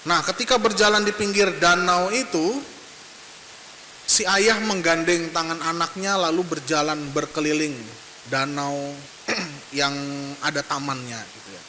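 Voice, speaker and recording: A man's voice: fairly high pitch, bright, forceful tone. A man giving a Sunday sermon as a priest, telling a story and acting out the father and child in it. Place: church. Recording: hissy reverberant church recording.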